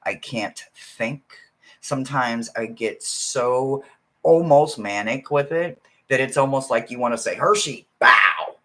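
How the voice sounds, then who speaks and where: A man, a spiritual card reader, talking casually to his viewers in a rambling way, often adding "right?" and swinging from soft murmurs to loud bursts. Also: medium pitch, a little slow. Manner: rambling, keeps asking "right?". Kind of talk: casual spiritual livestream talk.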